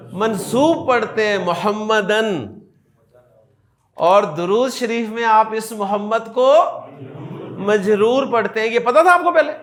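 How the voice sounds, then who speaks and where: A man with a Pakistani Urdu accent teaching an Arabic grammar class. He explains in a lively way, repeats word endings aloud and jokes with his students. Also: very high-pitched. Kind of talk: classroom lecture.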